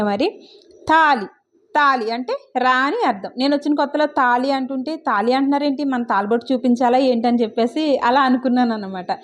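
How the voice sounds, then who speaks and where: A woman whose first language is Telugu, explaining words one by one in a casual spoken lesson, chatty and often checking in with her listeners. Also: sits high. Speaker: vlogger teaching Arabic words.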